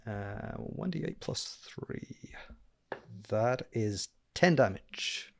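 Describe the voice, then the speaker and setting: A man chatting casually as a tabletop game player, haltingly thinking aloud about his moves. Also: fairly low pitch, expressive, gravelly.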